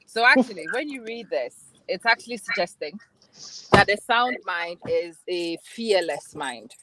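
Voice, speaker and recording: A woman's voice: medium pitch, lively intonation, measured pace, a bit bright, a little hiss or hum, rough recording. A woman hosting a casual group book discussion, thinking aloud in a reflective, self-deprecating way. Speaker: book club host.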